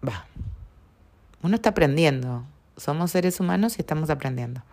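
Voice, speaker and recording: A woman with a Rioplatense Spanish accent hosting a reflective spiritual podcast, speaking calmly and often checking in with her listeners. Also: low-pitched. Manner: calm, unhurried, often seeks agreement with tag questions. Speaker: podcast host.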